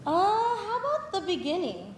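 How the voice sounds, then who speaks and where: A woman's voice: very high-pitched, wildly swooping pitch, reverberant, background noise, full character voice. A young woman playing a sarcastic kid sister. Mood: wry. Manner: wry, quick comebacks. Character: sarcastic teenage younger sister, wistful about heritage. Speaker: student actor in a campus stage play. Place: live stage in a hall.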